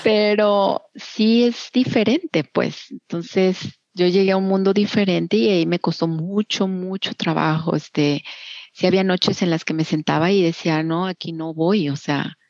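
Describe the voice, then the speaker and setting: A woman's voice: fairly low pitch, steady tone, unhurried, darkish tone, no room sound, dull audio. A middle-aged woman with a Mexican accent, talking candidly and encouragingly as an interview guest. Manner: candid, encouraging, many fillers. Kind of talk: casual interview.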